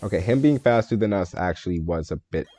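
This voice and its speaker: A man's voice: low-pitched, expressive, fast talker, dark tone. A man streaming a game live, thinking aloud, answering chat and joking about himself in a casual way. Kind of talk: live gameplay stream commentary.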